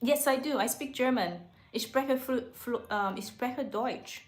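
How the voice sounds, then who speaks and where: A woman's voice: on the high side, a little slow. A woman hosting a casual face-to-camera livestream from a home studio, chatty, laughing often and correcting herself as she goes. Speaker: livestream host. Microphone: microphone. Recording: roomy echo.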